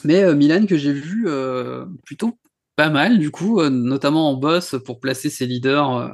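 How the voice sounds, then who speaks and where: A male co-host giving long, opinionated analysis on a casual cycling show. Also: medium pitch. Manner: opinionated, explains at length. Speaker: co-host pundit.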